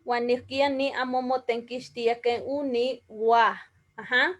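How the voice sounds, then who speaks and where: Slow, high-voiced woman teacher. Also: little pitch movement, muffled recording. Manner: slow, deliberate, spelling out sounds one by one. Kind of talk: explaining a writing system.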